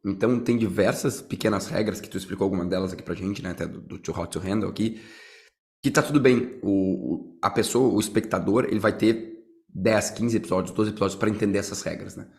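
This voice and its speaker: A man hosting a casual podcast chat, relaxed, ending many phrases with a tag question. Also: on the low side, brisk.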